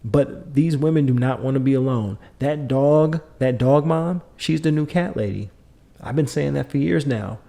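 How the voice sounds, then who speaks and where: Middle-aged male podcast host; mid-pitched, warm dark timbre; emphatic, repetitive, lecturing delivery. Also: moderate pace, vocal fry. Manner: emphatic, lecturing, repeats points. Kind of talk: opinionated monologue.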